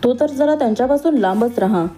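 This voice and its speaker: Storybook role: woman reading as a cautious, gossipy housekeeper, soft mellow tone, slightly high. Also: animated, quick pace, faint music behind, lightly acted. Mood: confiding. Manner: warning, confiding.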